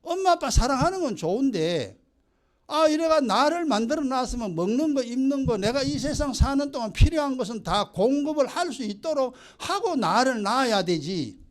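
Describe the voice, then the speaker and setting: Brief: a man doing a resentful complaining child, high and lively, in a sermon. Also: normal speed. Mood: indignant. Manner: indignant, complaining. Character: complaining child blaming parents, whiny and indignant.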